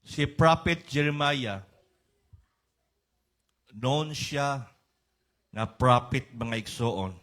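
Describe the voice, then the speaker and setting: A middle-aged man with a Cebuano accent preaching a sermon, mixing English and Cebuano and rising to high, emphatic peaks. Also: drawn-out words, long pauses, a bit bright. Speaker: pastor.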